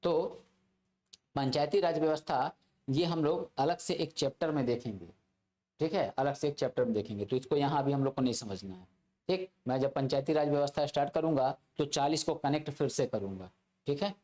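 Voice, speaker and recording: A man's voice: a little high, fairly quick, warm tone. A male teacher giving a classroom lecture to exam students, repeating key phrases and checking in with his listeners again and again. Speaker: polity teacher.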